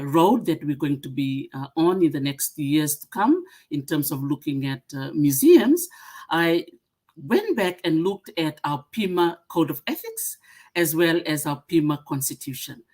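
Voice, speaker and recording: A middle-aged woman from Fiji giving a webinar presentation, pausing often with "uh" as she lists her points. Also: low-pitched. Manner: many "uh" fillers, warm greetings, listing points. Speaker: museum association secretary-general speaker.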